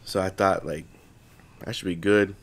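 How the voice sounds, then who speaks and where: Congested young man with a low voice. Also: fairly even intonation, normal speed. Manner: casual, swears freely, rambling with restarts. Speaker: podcast co-host. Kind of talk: casual chat.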